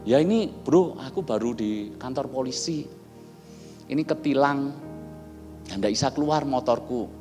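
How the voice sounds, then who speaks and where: Man doing a wheedling fake old pal on the phone, slightly low and coaxing, long hall reverb. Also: expressive, a little slow, pauses often, natural voice. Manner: coaxing, pleading. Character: smooth-talking male phone scammer posing as old friend. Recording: long reverb, soft music behind.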